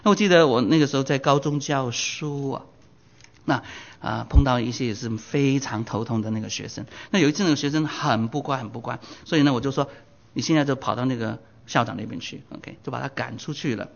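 A man in his sixties preaching a Bible sermon, his voice surging high and loud for emphasis and slipping in English phrases. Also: a little fast, vocal fry. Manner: drops English phrases into Mandarin. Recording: dull lo-fi recording.

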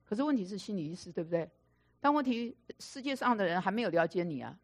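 A woman's voice: medium pitch, fast talker. A woman preaching a sermon through stories, repeating phrases for emphasis and acting out the dialogue. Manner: animated storyteller, acting out quoted dialogue. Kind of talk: storytelling sermon.

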